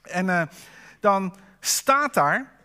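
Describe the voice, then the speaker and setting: A man's voice: high-pitched, lively intonation, very slow, sharp tone, smooth. A man preaching a sermon at a church service, in a conversational way, asking the congregation rhetorical questions.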